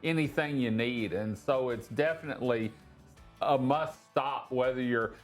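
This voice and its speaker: A mid-pitched man hosting a friendly local interview with upbeat, promotional energy. He steers the conversation and praises the shop. Light music sits faintly in the background. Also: unhurried. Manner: upbeat, promotional, guiding the talk. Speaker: interview host.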